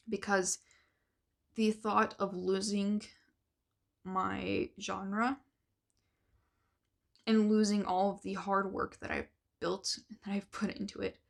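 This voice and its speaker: A woman's voice: medium pitch, level tone, slow pace, gravelly, long pauses. A young woman author talking earnestly in a casual vlog, rambling with many fillers and losing her voice. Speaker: author and vlogger.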